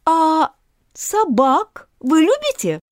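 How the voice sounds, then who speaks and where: A woman's voice: very high-pitched, wildly swooping pitch, takes it slowly, no echo, studio quality, voice pushed up, exaggerated voice. Alice, eager girl, as a woman reads her. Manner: pleading, chatty and apologetic. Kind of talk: audiobook character voice.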